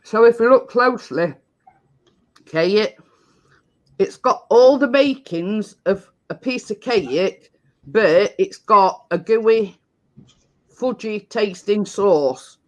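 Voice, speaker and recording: A woman hosting a home baking live stream talks in an easygoing, unhurried way. She circles back and repeats herself as she explains. Her delivery is loose and chatty. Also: medium pitch, animated, muffled recording. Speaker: baking show co-host. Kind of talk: casual live-stream chat.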